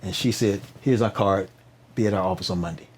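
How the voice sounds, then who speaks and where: Low-pitched with a breathy edge, the man talks a little fast. As a nonprofit founder guesting on a podcast, he delivers animated storytelling in an interview, leaning on preacher-like repeated emphasis, rhetorical questions, and frequent check-in tags.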